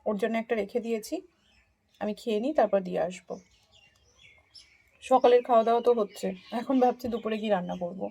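A woman's voice: on the high side, fast, gravelly, pauses often, warm tone. A woman vlogger casually narrating her day at home, talking straight to her viewers in a chatty, homely way. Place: at home, in the kitchen.

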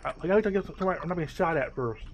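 A man playing an old computer game and chatting casually with a friend, excitable and laughing often. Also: a little high, rapid-fire, a little hiss or hum. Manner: excitable, laughs often, yelps when hit. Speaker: game player, co-host. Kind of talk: casual let's-play banter.

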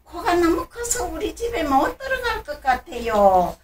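An elderly woman with a grandma voice playing a house-proud young male animal in a children's story, softly apologetic. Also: extremely high pitch, huge pitch swings, measured pace, pitched above the performer's own voice, exaggerated voice. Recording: roomy, distant mic, faint noise.

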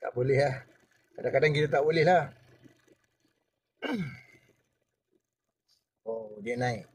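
A man's voice: medium pitch, animated, slow pace, slightly rough. An older man with a Malaysian Malay accent, a former deckhand telling a story in a casual, chatty way, speaking to the listener as to a younger person and acting out what others said.

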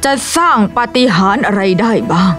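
A woman's voice: on the high side, very animated, fairly quick, a bit bright, soft background music. An actress playing a scheming woman who mocks and belittles a man, in a dubbed drama. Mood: mocking. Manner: taunting, contemptuous. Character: scheming woman, contemptuous accomplice.

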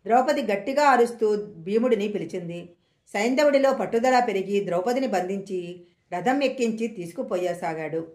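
A woman storyteller slowly reading an old mythological story aloud in a measured way, recorded in an echoey room. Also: mid-range voice, lively intonation, darkish tone.

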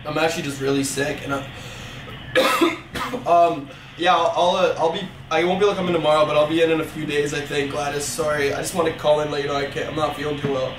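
A man's voice: fairly high pitch, steady tone, rapid-fire, distant mic, a crowd in the background, natural voice. Man playing hesitant employee faking sick, roomy sound. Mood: feigned sickly, apologetic. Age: 20s. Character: apologetic young male employee faking being sick. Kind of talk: prank phone call. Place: living room, seated on a couch. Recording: roomy, noisy, off-mic room recording.

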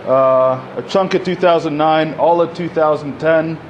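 A panel speaker in his thirties from Egypt gives a conversational public talk at a community event, using a community center podium mic, gesturing and filling his speech with "you know" and "like." His voice is a little high, fairly even and a little slow, with the highs cut off and slight background noise.

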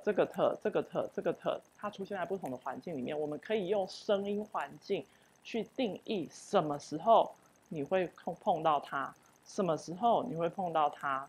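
Woman, Taiwanese Mandarin accent, linguistics lecturer, lowish voice, breathy, patient explaining. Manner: explanatory, repeats example words slowly, frequent filler "oh". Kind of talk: university lecture.

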